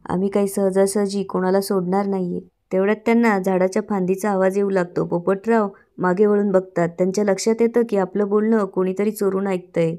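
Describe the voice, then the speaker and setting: A woman narrating a recap of a TV serial episode, reading the characters' lines aloud with lively emphasis. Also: mid-range voice. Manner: reads quoted dialogue with lively emphasis. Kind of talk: storytelling recap with voiced quotes.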